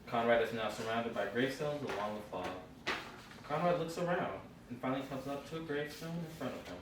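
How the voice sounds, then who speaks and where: A man's voice: medium pitch, fairly quick. A man narrating stage directions at a script table read, recorded in a noisy room from away from the mic. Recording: roomy, far from mic, noisy.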